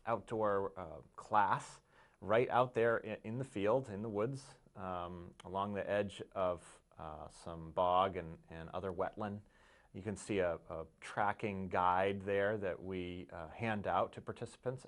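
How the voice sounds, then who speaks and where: A man giving information as an interview guest, halting and measured, often pausing mid-sentence. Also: deep voice. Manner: halting, measured delivery with many pauses. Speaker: interview guest from a conservation group.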